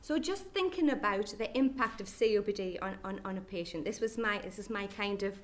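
A middle-aged woman with a broad Geordie accent presents at a professional education day. Her delivery is conversational and lightly joking as she addresses the room, speaking at an ordinary middle pitch. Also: a little fast. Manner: chatty, jokey asides to the audience. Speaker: nurse consultant. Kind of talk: conference presentation. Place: lecture hall at an education day.

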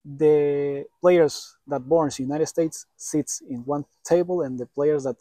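A man in his thirties interviewing a footballer outdoors, asking questions haltingly and searching for words. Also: a little high, fairly even intonation, warm tone, no echo. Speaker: sports interviewer. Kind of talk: interview questions in second language. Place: outdoors by sports courts.

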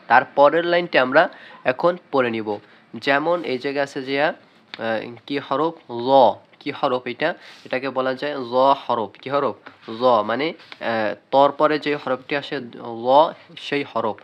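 A man's voice: medium pitch, dull audio. A young man teaching Quran reading in a video lesson, calling out letter names and asking and answering his own questions. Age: young adult. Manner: calls out letter names loudly and slowly.

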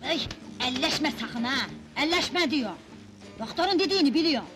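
A sharp, nagging wife. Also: female voice, sits high, animated, moderate pace, faint music behind. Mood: peevish. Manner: whiny, complaining, sharp.

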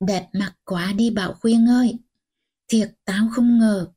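Old grandmother, stern, scolding, husky, slow, voiced by a woman. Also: medium pitch, steady tone. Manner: scolding, sharp and commanding.

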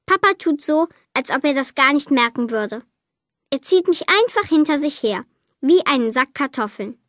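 A woman reading a children's Christmas story aloud, lively and lightly voicing the girl and her parents. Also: sits high, normal speed, no echo, studio quality. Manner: lively, voices the child, mother and father lightly.

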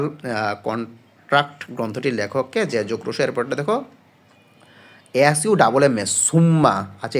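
Working through exam questions with his students, this tutor speaks in a relaxed, patient way from a normal mid-range pitch. Hesitation fillers create frequent pauses, and he repeatedly raises questions and answers them on his own.

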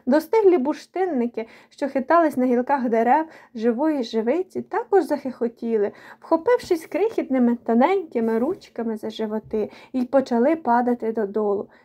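A woman reading a children's book aloud in a gentle, expressive storytelling voice. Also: high voice, moderate pace, hardly any pauses.

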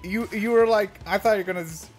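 A player in casual let's-play banter, jokey and excitable, stammering into restarts and breaking into shouted outbursts. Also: medium pitch, fast, faint music behind. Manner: stammering restarts and trailing fillers. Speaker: co-op game player.

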